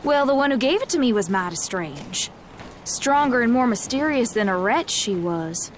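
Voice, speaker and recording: An actress playing a gruff, wary young gunslinger in a video game, stubborn and world-weary, with a blunt, folksy Southern US drawl. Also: female voice, fairly high pitch, lively intonation, normal speed, slight background noise, close to an everyday voice. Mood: grim. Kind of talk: video game character acting.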